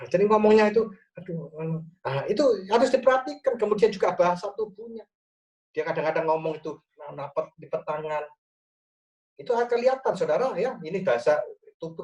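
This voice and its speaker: A male pastor giving a lively church talk on marriage over a video call, with frequent "ya" tags. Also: fairly high pitch, far from the mic, rough recording.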